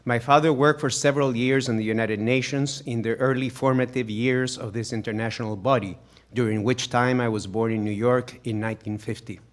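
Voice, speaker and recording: A man, a journalist reading a measured, formal prepared statement at a hearing. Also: medium pitch, fairly even intonation. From Chile. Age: 60s.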